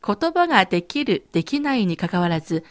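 A woman co-hosting a scripted language lesson who models pronunciation slowly and carefully. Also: medium pitch, sing-song. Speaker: language teacher co-host.

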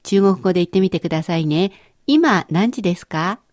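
A woman teaching a language lesson in a clear, encouraging way, explaining step by step. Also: on the low side, expressive, fairly quick, darkish tone, dry recording, clean studio sound.

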